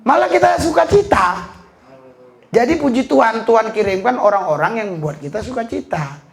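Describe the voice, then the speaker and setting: A man preaching a sermon as pastor, lively and full of laughter and shouted exclamations. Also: extremely high pitch, normal speed, vocal fry.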